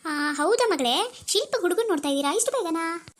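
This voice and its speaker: A woman's voice: very high voice, expressive, brisk, voice pushed up. Woman voicing a kindly cartoon mother on the phone. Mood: fond, chatty. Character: caring older mother on the phone.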